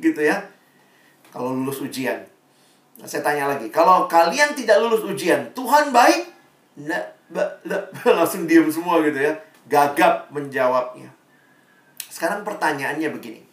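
A man giving a casual sermon, telling stories animatedly and acting out the voices of the people he quotes. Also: on the high side. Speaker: preacher. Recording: roomy sound from a distant mic.

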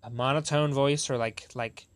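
A man's voice: medium pitch, steady tone, moderate pace. A young man hosting a podcast in casual chat, rambling and correcting himself as he talks. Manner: rambling, self-correcting, laughs often. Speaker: podcast host.

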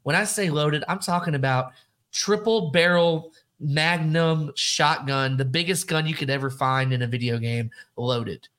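A man co-hosting a casual sports podcast, animated and emphatic, often repeating himself. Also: fairly high pitch, a little slow. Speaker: podcast co-host.

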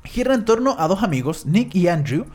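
A man's voice: sits high, big pitch swings, brisk, a little mellow. A young Chilean man chatting casually, rambling with lots of fillers and tag questions. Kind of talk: casual chat.

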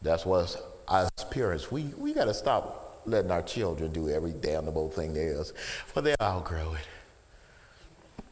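A middle-aged man preaching a sermon as pastor, dropping to low murmurs and then rising to shouted calls of "Amen?" in a folksy, informal way. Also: animated, a little slow. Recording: long hall reverb.

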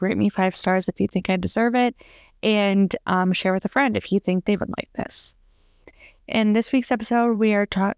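A chatty woman hosts a casual podcast interview. Her voice is smooth and clear, set at a middling pitch, and it sounds close and dry with no room around it. She talks loosely, full of fillers. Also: no echo. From United States. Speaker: podcast host.

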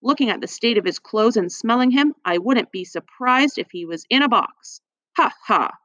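A woman's voice: on the high side, animated, moderate pace, fairly bright tone, no echo, voice pushed up. A spiteful hospital matron sneers in a cold, scornful voice, read by a woman for a storybook. The sound is dry and a little dull, close up with no room. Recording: dry, slightly muffled.

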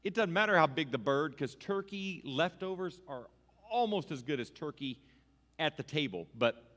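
A man's voice: a little high, expressive, moderate pace, a bit bright. A man preaching a casual, playful Thanksgiving sermon to his congregation, joking and getting them to repeat lines after him. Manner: playful, audience-engaging, asks congregation to repeat. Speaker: pastor. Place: church sanctuary with congregation. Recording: long hall reverb.

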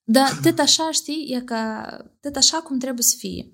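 Young woman, higher pitch, sarcastic, casual podcast chat. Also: fairly bright tone. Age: 20s. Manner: quick and sarcastic. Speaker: podcast guest.

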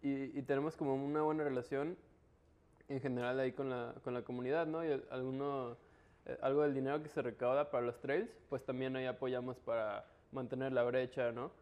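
A man speaks casual Mexican Spanish at a middling pitch. He explains things colloquially, with plenty of street slang, as in a relaxed conversation. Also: a little fast. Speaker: interview guest, local trail biker.

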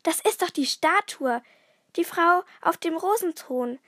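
A woman's voice: sits high, moderate pace, no room sound, studio quality, lightly acted. A woman voicing a bold, cheerful boy detective who sounds confident and upbeat. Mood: delighted.

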